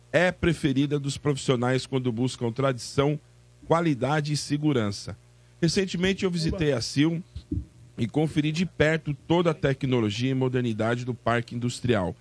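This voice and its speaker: A man's voice: mid-range voice, moderate pace, no room sound. Dry-sounding São radio man. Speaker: sports radio co-host reading a sponsor spot. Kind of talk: conversational ad read.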